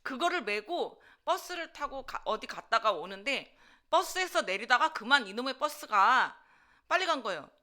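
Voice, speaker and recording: Woman preacher with a higher, tense tone, lively self-deprecating stories for the congregation. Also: moderate pace. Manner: lively, self-mocking storytelling with rhetorical questions to the congregation. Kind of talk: storytelling sermon. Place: church.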